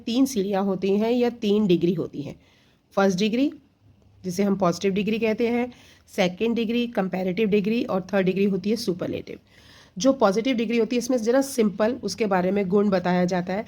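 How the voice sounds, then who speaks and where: Fairly quick and dark-toned, this woman's mid-range voice leads children through exam-prep grammar. She mixes Hindi with English, works patiently through each step, and frequently answers the questions she asks.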